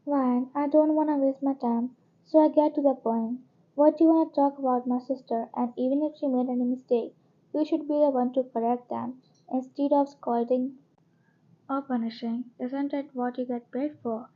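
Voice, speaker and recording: A haughty young mafia queen, bossy and arrogant, who makes threats, as a woman reads her. The voice sits high for a woman. The storybook audio is dull and lo-fi. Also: fairly even intonation, normal speed. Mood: threatening.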